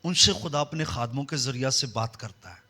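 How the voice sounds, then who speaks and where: A man preaching a sermon, leading the congregation in call-and-response and swinging between loud emphasis and soft low passages. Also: animated, moderate pace. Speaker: pastor.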